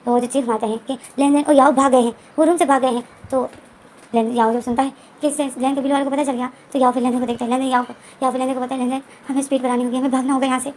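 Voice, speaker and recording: A woman's voice: sits high, steady tone, racing, darkish tone, slight background noise. A woman casually retelling a fan story, rambling and repeating herself as she goes.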